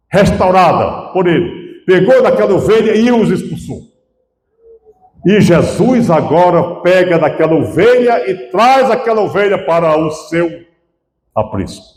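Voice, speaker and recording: A man's voice: sits high, darkish tone. A male pastor with a Brazilian Portuguese accent, preaching a sermon in a church with fervor that rises and falls. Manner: preaching with rising and falling fervor. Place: church sanctuary. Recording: echoey church hall with long reverb.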